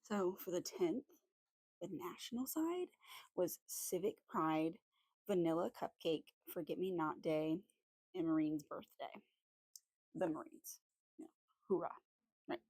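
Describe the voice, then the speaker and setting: A woman vlogging at home while drawing, chatting casually in a rambling, friendly way with lots of fillers, her voice slightly hoarse. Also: fairly low pitch, measured pace, pauses often, a little mellow, no room sound, rough recording. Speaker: art vlogger.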